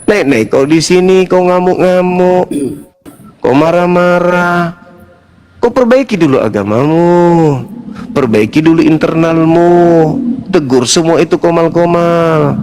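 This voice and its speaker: High-voiced scolding man. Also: measured pace, a little mellow, slight background noise. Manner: confrontational, mocking, scolding. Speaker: Islamic preacher. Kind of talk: heated religious debate.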